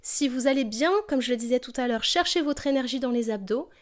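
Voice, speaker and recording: A woman teaching a singing lesson, explaining vocal technique calmly and demonstrating exercises. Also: high voice, brisk.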